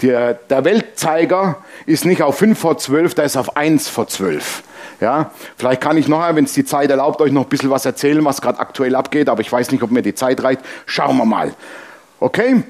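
Animated German preacher telling stories. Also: male voice, mid-range voice, moderate pace. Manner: animated storytelling, mimics honking and quarrels. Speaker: pastor. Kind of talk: sermon with personal anecdotes.

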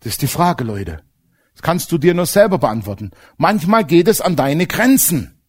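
A man preaching a sermon, telling stories with feeling and dropping to hushed, choked-up moments. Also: on the high side, normal speed, husky. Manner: emotional, animated storytelling with sudden quiet, choked-up stretches.

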